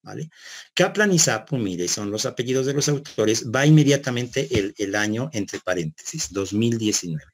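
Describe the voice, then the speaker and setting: A man's voice: mid-range voice, animated, moderate pace. A man lecturing a class, explaining step by step, repeating words, often checking with "¿no?", and putting questions to his students. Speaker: university lecturer.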